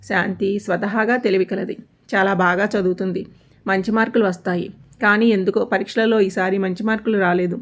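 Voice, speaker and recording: A woman storyteller reads a family tale in a steady, plain way. Her voice sits at an ordinary middle pitch. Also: brisk. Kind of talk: scripted story narration.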